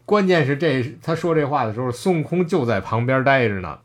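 Lively storytelling man. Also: mid-range voice, a little fast. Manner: animated storyteller, acts out quoted lines. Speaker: podcast co-host. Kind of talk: casual chat about a classic novel.

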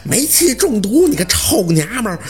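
Man doing a bellowing angry husband, strained high yelling. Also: wildly swooping pitch, normal speed, exaggerated voice. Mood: furious. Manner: shouting, ranting. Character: furious bellowing village husband.

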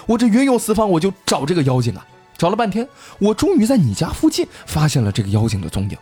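A man's voice: high voice, wildly swooping pitch, fast talker, dark tone, breathy edge, faint music behind, pitched above the performer's own voice, full character voice. A man voicing a wandering stranger who hunts a fox spirit and warns a family in a folk tale retelling. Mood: earnest. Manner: earnest, warning.

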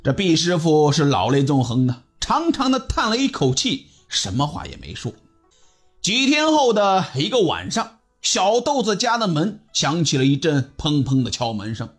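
Lively high-voiced male storyteller. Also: moderate pace, husky, soft background music. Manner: animated and dramatic, voicing every character. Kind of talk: storytelling narration.

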